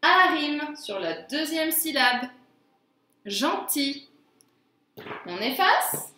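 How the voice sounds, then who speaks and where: A woman teaching a phonics lesson to young children, sounding out words slowly and carefully. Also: sits high, very animated, bright, forceful tone, reverberant. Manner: slow, careful, drawn-out word pronunciation.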